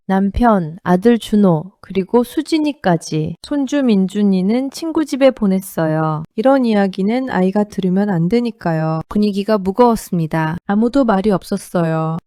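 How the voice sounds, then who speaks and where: Warm-voiced woman narrating a story. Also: mid-range voice, no room sound, studio quality. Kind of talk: scripted first-person story narration.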